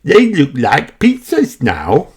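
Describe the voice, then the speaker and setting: Little girl piglet for a storybook, acted by a man: high, excitable, very sing-song. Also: slow pace, background noise, heavily acted. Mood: excited delight.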